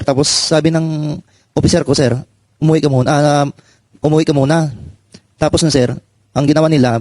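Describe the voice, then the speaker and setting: A former soldier telling his story in a panel, halting and deferential, ending nearly every phrase with a polite "sir". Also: medium pitch, a little mellow, no room sound. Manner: halting, repeats "sir" constantly. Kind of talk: personal testimony in a panel.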